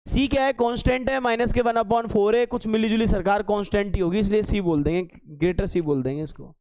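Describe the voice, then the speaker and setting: High-voiced teasing male math teacher. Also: a little fast, a little mellow, no echo. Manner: teasing, scolding students with sarcastic asides; works steps aloud, repeating key terms as questions. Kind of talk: classroom lecture at a board.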